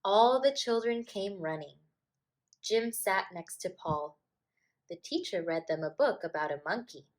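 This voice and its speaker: Reading a children's picture book out loud, a teacher in a mid-range female voice delivers the story in a deliberate, expressive manner.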